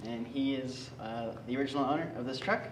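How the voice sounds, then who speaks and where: A man's voice: mid-range voice, a little fast. Young man hosting a vlog, echoey sound. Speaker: video host. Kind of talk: casual vlog chat. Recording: echoey, distant mic, faint noise.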